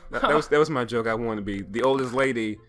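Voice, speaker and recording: A young man co-hosting a gaming video with crude, excitable, joking banter. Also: mid-range voice, quick pace. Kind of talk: casual, joking let's-play banter. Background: game music.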